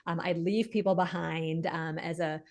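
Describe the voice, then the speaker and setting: A woman's voice: lowish voice, fairly even intonation, moderate pace. A woman giving candid, reflective, affirming answers as a guest coach in a conversational interview.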